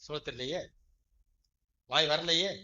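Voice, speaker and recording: A man preaching a sermon, dropping to quiet asides and then rising to loud, stressed lines, often checking that listeners follow. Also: unhurried. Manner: emphatic, swings from low asides to loud stressed phrases; questions the congregation often. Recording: dull lo-fi recording.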